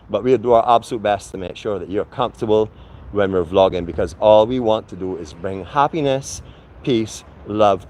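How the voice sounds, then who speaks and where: A man's voice: on the low side, darkish tone. Chatty man vlogging a venue walk-through. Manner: chatty and friendly, frequent fillers. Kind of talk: casual walk-through vlog. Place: venue under a tent, indoors and outdoors.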